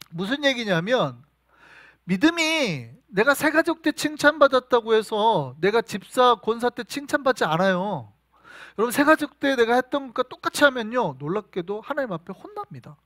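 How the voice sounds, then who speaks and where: Male pastor, sermon, animated storytelling, lively, dry close sound. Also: very high voice, normal speed, no room sound. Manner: animated storytelling, asks the congregation questions.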